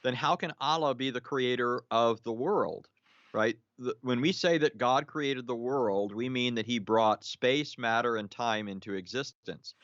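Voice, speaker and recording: A man's voice: mid-range voice, unhurried, fairly bright tone, dry recording, muffled recording. A man explaining at length on a live online show, lecturing with many fillers, restarts and a questioning "right?".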